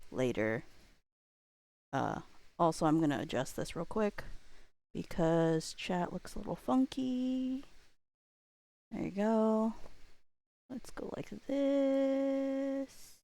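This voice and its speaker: A woman livestreamer hosts and reads chat, rambling casually and thinking aloud with her viewers in a playful way, quick to laugh. Her medium-pitched voice is animated and warm, with no echo.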